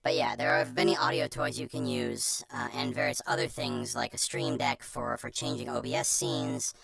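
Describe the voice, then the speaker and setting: A streamer with an artificially pitch-shifted chipmunk voice gives an informal, self-deprecating how-to presentation in a chatty manner. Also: steady tone, moderate pace, fairly bright tone, dry recording. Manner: chatty, self-deprecating, breaks off into muttered asides. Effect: pitch shifter giving a chipmunk voice.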